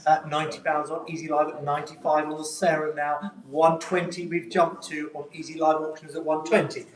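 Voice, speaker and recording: A man calls a live auction in a slightly raised pitch. His patter is polite and repetitive, circling through numbers and bids. The sound is echoey, with his voice some way from the microphone. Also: flat delivery, a little fast, far from the mic. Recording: echoey room, picked up from afar.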